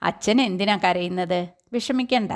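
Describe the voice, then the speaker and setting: A woman's voice: mid-range voice, moderate pace, natural voice. A woman voicing a kind young female nurse who talks to a patient in a soothing, coaxing way. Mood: gently firm.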